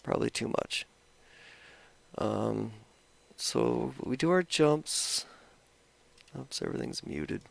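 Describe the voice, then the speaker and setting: Talking slowly with lively intonation, creak, and long pauses, this mid-range-voiced man rambles through how he edits his video. He interrupts himself and restarts sentences, a cigarette in his mouth the whole time.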